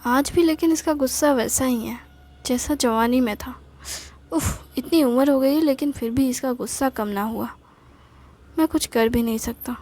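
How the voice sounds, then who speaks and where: A woman's voice: sits high, normal speed, a little mellow. A woman voicing an older husband who is teasing, sheepish and doting, talking with hesitant stops and fillers in an acted story. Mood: fondly exasperated.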